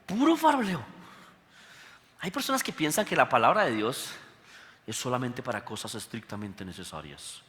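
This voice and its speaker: A man preaching a lively sermon as pastor, full of rhetorical questions. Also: medium pitch, normal speed, pauses often. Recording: long hall reverb.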